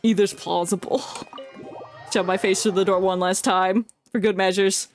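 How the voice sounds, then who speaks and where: A woman streams a game, offering playful running commentary and jokes in a steady, mid-range voice at a normal speed. Faint game music plays in the background.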